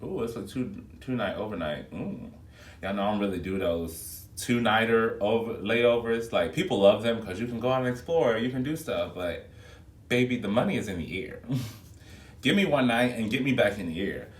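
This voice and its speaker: A man's voice: on the low side, moderate pace. Chatty man on echoey phone video. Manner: chatty and expressive, addresses viewers as y'all. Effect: recorded on a phone video. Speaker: flight attendant vlogger. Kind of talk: casual vlog chat to viewers. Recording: echoey room, phone mic held back at a distance.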